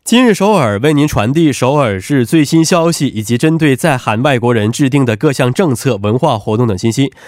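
A radio host with a congested nose from allergic rhinitis conducts a phone interview, politely and attentively echoing answers back. His medium-pitched voice is a little mellow, animated and fairly quick, with hardly any pauses.

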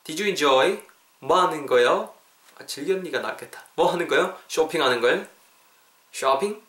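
A man hosting a podcast English lesson, lively and playful, drilling phrases over and over. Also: a little high, unhurried, reverberant. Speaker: English teacher, podcast host.

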